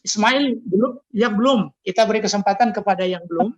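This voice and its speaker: A man's voice: sits high, brisk, no room sound. A man with an Indonesian accent teaching an Arabic class online, patiently coaxing students to read aloud. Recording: dull lo-fi online call audio.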